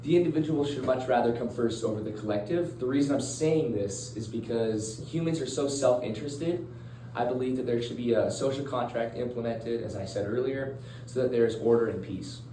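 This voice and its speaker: A man's voice: medium pitch, brisk, mellow, close to an everyday voice. A teenage boy playing a stern, blunt male philosopher in a school role-play interview, reading plainly and earnestly. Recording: roomy, distant mic, faint noise.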